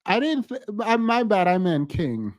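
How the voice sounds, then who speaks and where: A man who isn't a native English speaker hosts a casual livestream, teasing playfully and stretching out emphatic words. His voice is high and very animated at a normal speed, and the recording is dry and studio-clean.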